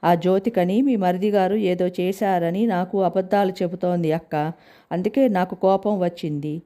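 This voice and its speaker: A woman reading a story aloud and voicing a hurt, tearful young wife who pleads, in a low, mellow voice. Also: fairly even intonation, normal speed, close to an everyday voice. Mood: upset.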